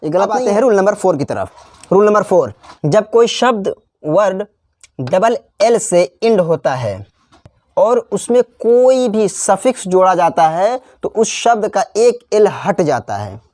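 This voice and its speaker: A man teaching a spelling lesson. He spells out letters slowly, repeats each example word, and slips into chatty asides. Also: high-pitched, sing-song, darkish tone, dry recording. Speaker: English teacher. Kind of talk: classroom-style spelling lesson.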